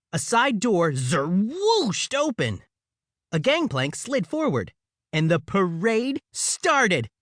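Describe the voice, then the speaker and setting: A man's voice: a little high, fairly bright tone, no echo, clean studio sound. A man narrating a children's audiobook in the first person, with playful, comic storytelling.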